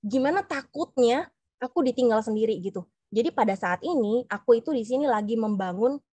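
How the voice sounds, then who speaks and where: Her voice is fairly high and mellow, with lively intonation, a fairly quick pace and no echo. She's a stay-at-home mom and business presenter in her thirties from South Sulawesi, Indonesia, earnestly and heartfeltly sharing her own story in a testimonial talk.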